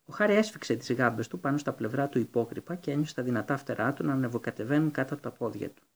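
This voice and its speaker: A man narrating an audiobook in a steady, even storytelling manner. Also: mid-range voice. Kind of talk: scripted narration.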